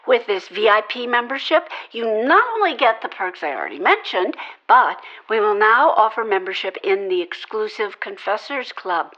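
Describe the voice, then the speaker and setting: A woman's voice: medium pitch, big pitch swings, moderate pace, few pauses, bright, forceful tone. A woman playing an overly eager church call-center agent with syrupy, salesy patter in a radio play. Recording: dull lo-fi sound.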